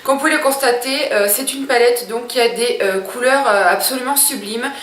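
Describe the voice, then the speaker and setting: A woman's voice: on the high side, brisk, fairly bright tone, echoey room, distant mic. A woman beauty vlogger reviewing makeup in a chatty, gushing way, with many hesitations.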